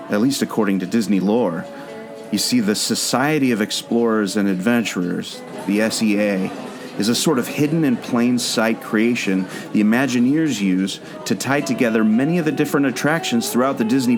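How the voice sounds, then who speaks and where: Speaking at a normal speed in a voice on the low side, a man earnestly lays out a mystery, steering the listener like a storyteller through a scripted audio play. He is a podcast co-host and ex-theme park skipper, and plucked guitar music sounds behind his voice.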